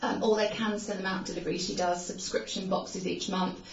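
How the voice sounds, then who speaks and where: A woman co-hosts a relaxed review chat, padding her talk with lots of "um"s. She sits some way off the mic in a roomy, echoing space. The sound is dull and slightly lo-fi. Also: medium pitch, brisk, far from the mic, a little hiss or hum. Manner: chatty, many "um" fillers. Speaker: co-host. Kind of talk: casual product review chat.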